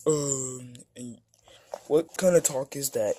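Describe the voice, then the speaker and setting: A woman voicing a quiet, hesitant character with a low, soft voice, in a homemade toy play. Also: slow, slight background noise. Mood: puzzled.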